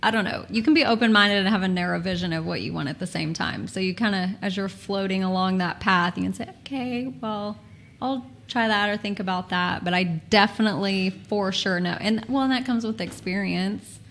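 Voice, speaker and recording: Thirties woman with a gravelly edge, laid-back podcast chat, laughs a lot and swears easy. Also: mid-range voice, fairly quick, fairly bright tone, slight background noise. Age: 30s. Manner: candid, laughs often, swears casually. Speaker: podcast guest. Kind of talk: casual chat.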